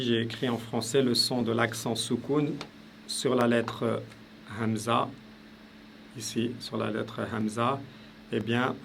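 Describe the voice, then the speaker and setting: A man's voice: mid-range voice, gravelly, a little hiss or hum. A man teaching a casual spoken lesson, explaining step by step and repeating sounds aloud with frequent hesitations. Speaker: language teacher.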